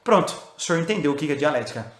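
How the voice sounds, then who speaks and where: A man's voice: fairly high pitch, animated, rapid-fire, roomy sound. A man with a Brazilian Portuguese accent teaching philosophy in a playful lecture, firing rhetorical questions at his students. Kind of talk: energetic video lecture.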